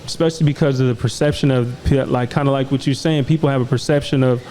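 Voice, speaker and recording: Laid-back young man hosting, mellow voice. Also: medium pitch, fairly even intonation, quick pace, slight background noise, low-quality recording. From Des Moines, Iowa. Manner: laid-back, slang-heavy, frequent "you know what I'm saying". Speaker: podcast host. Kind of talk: casual conversation.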